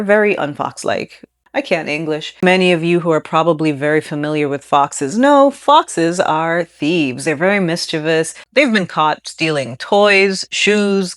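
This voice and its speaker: Animated woman hosting a science explainer. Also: sits low. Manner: animated, giggly, blurts excited outbursts. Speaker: science video host. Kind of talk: scripted explainer with casual asides.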